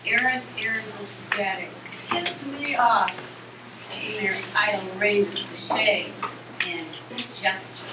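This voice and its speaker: A woman playing a melancholy poet-heroine, declaiming theatrical monologues with deliberate phrasing. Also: on the high side. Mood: declamatory. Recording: echoey, noisy, distant room recording.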